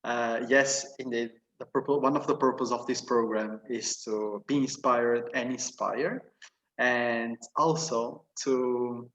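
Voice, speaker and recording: A young man, a student, interviewing a guest with polite, somewhat halting and formal questions. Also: mid-range voice, fairly bright tone. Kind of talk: conversational interview. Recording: echoey room, distant from mic.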